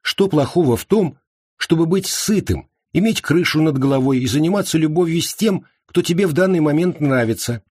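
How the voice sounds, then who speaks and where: A man's voice: fairly high pitch, animated, fairly quick, darkish tone, slightly rough, no echo, studio quality, voice pushed up. A man voicing a sulky, pushy young African man who whines and pleads in a raised voice. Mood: pleading.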